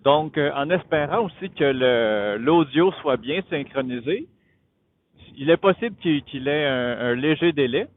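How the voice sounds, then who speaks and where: Slightly high and expressive, this Quebec French-accented man comes through a tinny Bluetooth helmet intercom, muffled and phone-like amid riding noise. He's a motovlogger with his own channel, hesitantly thinking aloud as he casually explains tech on a motorcycle outdoors.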